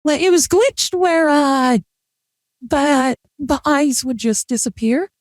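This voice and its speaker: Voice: high-pitched, takes it slowly, dry recording, clean studio sound. A streamer talking through a voice changer that makes the voice sound feminine, chatting casually and rambling with many fillers. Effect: voice changer making the voice sound feminine. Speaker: VTuber streamer. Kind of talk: casual gameplay chat.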